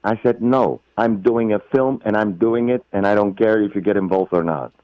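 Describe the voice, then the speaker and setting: A man's voice: on the low side, normal speed, dry recording. A middle-aged man with a Bulgarian accent, an actor speaking effusively in a phone interview. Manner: effusive, emphatic, non-native phrasing. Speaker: actor guest. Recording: muffled phone line.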